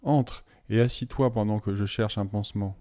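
A man's voice: on the low side, normal speed, warm tone, dry recording, clean studio sound, close to an everyday voice. A man voicing a fussy, chatty, authoritative woman school matron. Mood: fussing.

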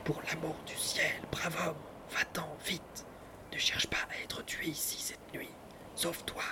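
A man's voice: on the high side, completely flat delivery, a little slow, close to an everyday voice. A man in whispered role-play, voicing frightened neighbors urgently warning a stranger to flee. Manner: urgent, hushed.

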